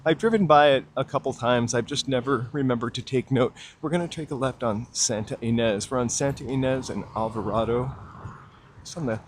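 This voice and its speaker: Talking a little fast at medium pitch, a man live-streams as he walks through the city, casually chatting, greeting viewers by name and pointing out sights. Slight background noise comes through his handheld gimbal camera mic.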